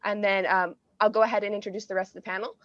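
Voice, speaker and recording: A woman's voice: medium pitch, level tone, rapid-fire, no room sound, dull audio. An American woman hosting an online panel, talking in a casual, chatty way with many fillers. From United States. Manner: friendly, chatty with frequent fillers. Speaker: panel host, technical animator.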